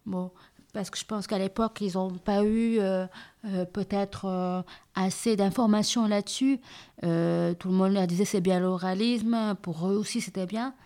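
Hard-of-hearing woman, southern French accent, halting interview answers, mid-pitched. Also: steady tone, mellow. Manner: hesitant, many fillers and restarts. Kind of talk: casual interview.

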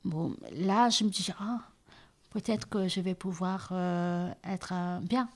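A hard-of-hearing woman with a southern French accent, answering interview questions in a hesitant, halting way with many fillers. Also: fairly low pitch. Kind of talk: casual interview.

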